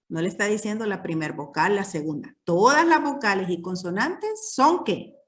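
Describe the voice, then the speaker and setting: Slow animated woman teaching poetry. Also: a little high, recorded from a distance. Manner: patient, explanatory, checks in with students often. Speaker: literature teacher.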